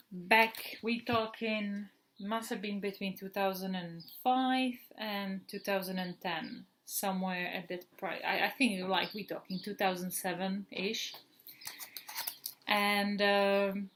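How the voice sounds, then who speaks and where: A woman's voice: medium pitch, slight background noise. A woman in her thirties, originally from the Republic, chatting casually in a perfume review vlog, rambling with many fillers and restarts. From Czech Republic. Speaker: perfume vlogger.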